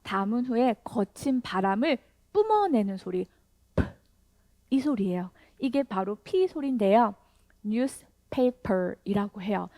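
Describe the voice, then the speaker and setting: A woman leads an English lesson, asking learners to repeat each phrase. Her voice sits a little high and her pace is slow and patient. The recording is close and dry. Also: very animated, warm tone, no room sound. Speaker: English teacher. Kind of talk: step-by-step language lesson.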